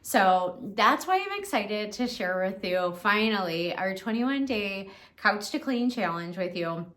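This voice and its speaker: Slow-talking encouraging woman cleaning coach. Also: mid-range voice, expressive, a bit bright. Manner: encouraging, chatty, with frequent ums and restarts. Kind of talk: casual instructional talk to camera.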